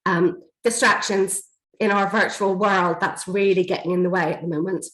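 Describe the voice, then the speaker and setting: Over a video call from an echoey room, a woman's medium-pitched voice comes through a computer mic at a moderate pace. She's a learning and development trainer giving a steady, explanatory workshop talk, a bit hoarse from a chest infection and using frequent fillers.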